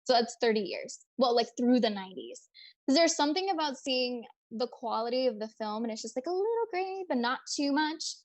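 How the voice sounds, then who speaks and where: A young woman with a high voice hosts a casual livestream from home. She chats in a bubbly, energetic way, reads viewer comments aloud and answers them as they come in. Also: brisk. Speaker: livestream host.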